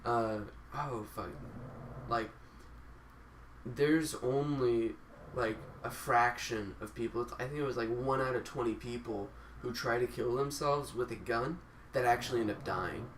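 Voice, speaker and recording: A man's voice: mid-range voice, unhurried, a bit bright, recorded from a distance. A young man in casual chat, telling a rambling story full of fillers, as a podcast co-host among friends. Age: young adult. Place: room with friends. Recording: roomy echo, off-mic, faint hiss.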